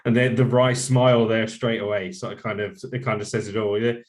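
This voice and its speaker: Male podcast host, low voice, chatty and hesitant. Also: flat delivery, a little fast. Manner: chatty, hesitant questions with many fillers. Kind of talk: casual podcast interview.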